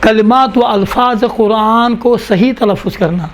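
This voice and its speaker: High-voiced man dictating a lesson. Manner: slow, repeats each phrase for note-taking. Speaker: Quran recitation teacher.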